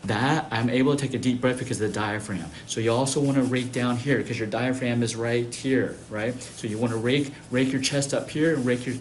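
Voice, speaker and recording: Speaking to camera in a relaxed, instructional way, a man from Taiwan who practices acupuncture shares health tips and keeps tossing in short tag questions. His mid-range voice is steady and brisk with hardly any pauses, and there's a little hiss or hum in the recording.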